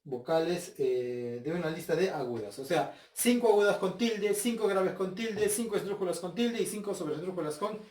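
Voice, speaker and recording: A man's voice: sits high, expressive, normal speed, few pauses, a little mellow. A male teacher giving a recorded lesson at a whiteboard. He explains step by step, repeats key points and asks rhetorical questions. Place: room with a whiteboard. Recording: echoey room, distant mic.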